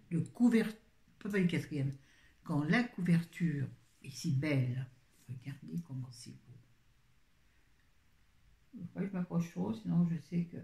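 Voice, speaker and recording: A woman book vlogger with a deep, warm voice and vocal fry chats casually to her viewers about books. Her talk rambles, and she keeps interrupting herself. There's a roomy echo to the sound.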